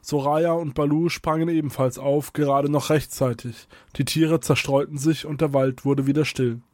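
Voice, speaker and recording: A man narrating a scripted fantasy audio story in a steady, even reading voice. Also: on the high side, moderate pace, no echo.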